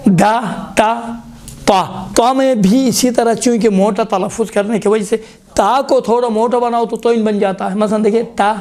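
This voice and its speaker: A man's voice: sits high, steady tone, darkish tone. A man teaching a Quran recitation lesson in a classroom, explaining how letters are formed and repeatedly sounding them out as examples. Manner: repeatedly demonstrates letter sounds aloud, prompting "look".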